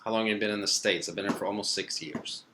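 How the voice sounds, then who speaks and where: A young Swedish streamer goes through viewer comments in a relaxed, wandering style, padding his replies with fillers. He has a fairly low pitch and a quick pace, with a slight hiss or hum in the audio.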